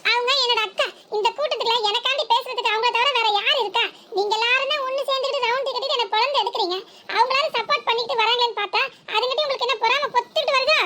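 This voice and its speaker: A performer voicing a sharp-tongued, defiant young village wife in a cartoon, with a southern Tamil Nadu accent and a mocking way of talking. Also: very high-pitched, very fast. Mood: indignant. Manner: taunting, mocking. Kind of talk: cartoon voice acting.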